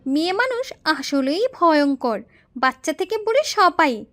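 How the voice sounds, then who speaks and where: A woman's voice: sits high, sing-song, unhurried, a bit bright, pitched above the performer's own voice, heavily acted. A woman voicing a young girl who talks like her cheeky old grandfather, with teasing, grumbling old-man talk.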